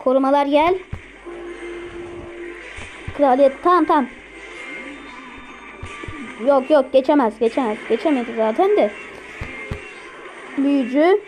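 A woman giving live gameplay commentary, excitable, talking to herself and repeating words as she plays. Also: high voice, a little slow, long pauses, faint music behind, poor audio. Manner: excitable, talks to herself while playing. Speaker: gameplay streamer.

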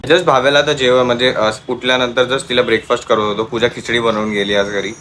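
A man's voice: mid-range voice, little pitch movement, brisk, fairly bright tone, slight background noise. A young man filming a casual home vlog. He chats to the camera and talks baby talk to his toddler. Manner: chatty, switches between baby talk and explaining to viewers. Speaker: vlogger and father.

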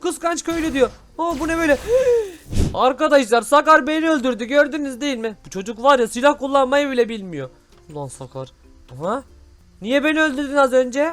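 A man hosting excited gameplay commentary, full of loud exclamations. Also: extremely high pitch, fairly quick, faint music behind. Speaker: gaming host.

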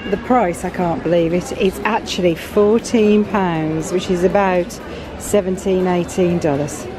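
A middle-aged British woman vlogging from a big store, chatting excitedly about items and their prices. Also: lowish voice, measured pace. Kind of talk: shopping vlog walkthrough. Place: large busy store indoors. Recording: store music and crowd noise behind.

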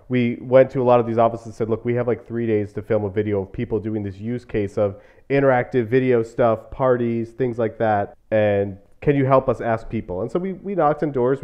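A male podcast host with a mid-range voice talks casually with his guest. He tells stories in a loose, chatty way and leans on fillers. The recording sounds slightly dull. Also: mid-range voice. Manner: chatty storytelling with frequent "like" fillers. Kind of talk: casual conversational interview. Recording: slightly muffled podcast audio.

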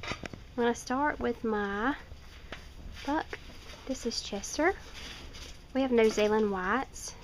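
A woman's voice: fairly high pitch, takes it slowly, pauses often. A woman giving a rambling, chatty walk-around tour of her small farm outdoors, speaking into a handheld camera. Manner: rambling, chatty, with many fillers and restarts. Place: outdoors on a wooded farm by rabbit hutches. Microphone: handheld camera mic, filming herself off camera. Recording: faint outdoor noise.

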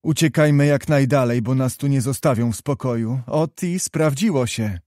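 A man's voice: medium pitch, moderate pace, dark tone, no echo, studio quality, natural voice. Man voicing a proud, scornful young noblewoman. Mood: defiant. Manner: defiant, contemptuous.

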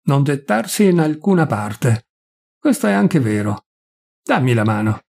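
A man's voice: medium pitch, very animated, a little slow, gravelly, full character voice. A man voicing a boisterous, drunk middle-aged miller who blusters and gushes in a story reading. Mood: drunk, effusive. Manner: blustering, loud, effusive.

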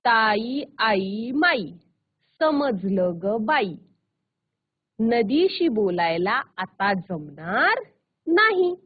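A woman voicing a mischievous little girl who skips school, with a shrill, whining manner, over a tinny line. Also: very animated, extremely slow, long pauses, heavily acted. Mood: sulky. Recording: tinny phone-like sound.

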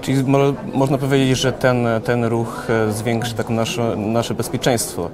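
A young man interviewing a guest at a conference, asking brisk questions with filler hesitations. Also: medium pitch, flat delivery, heavy background noise. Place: conference interview stand, indoors. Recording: busy crowd chatter behind.

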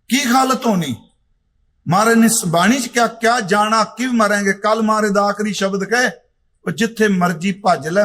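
A middle-aged man giving a Sikh scripture discourse, intoning verses slowly and then explaining them in plain speech. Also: sits high, fairly bright tone. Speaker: Sikh preacher giving katha.

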